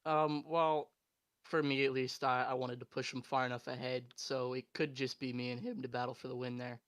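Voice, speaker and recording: A man, the second-place racer, answering calmly and matter-of-factly in a post-race interview. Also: mid-range voice, moderate pace, dry recording. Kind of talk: casual interview.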